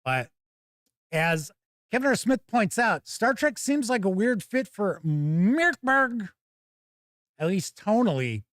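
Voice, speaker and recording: With a high, sing-song voice that is slow and fairly bright, a man reads tabletop gaming news items and viewer comments, tossing in wry remarks. It's a chatty live show recorded in a clean, echo-free studio.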